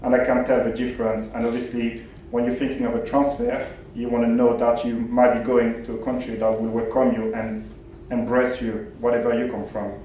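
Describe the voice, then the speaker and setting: A man from Cameroon, a former footballer, giving a measured, formal speech at an event. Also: medium pitch, level tone, warm tone, slight background noise. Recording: very echoey hall, distant mic.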